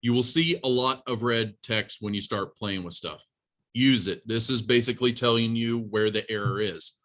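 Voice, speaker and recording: Speaking at medium pitch and a moderate pace with a fairly bright tone, a man walks college students through a live programming demonstration. The class is informal, and his plain-spoken, instructive delivery addresses them directly.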